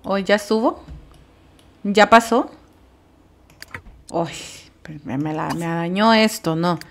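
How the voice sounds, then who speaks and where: A woman casually commenting on her life-simulation game, chatty and quick to shriek in alarm. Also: mid-range voice. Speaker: gameplay commentator. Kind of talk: casual let's-play commentary.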